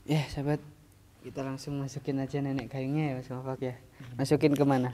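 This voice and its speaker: A man's voice: mid-range voice, flat delivery, fairly quick, very noisy. A man hosting a spiritual mystery channel in casual chat, loose and talkative with many fillers and frequent laughs.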